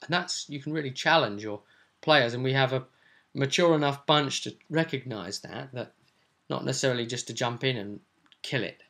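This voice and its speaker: A man who serves as game master and show host casually recounts a tabletop roleplay session in lively storytelling fashion, often finishing on tag questions. His voice is mid-range and his pace moderate.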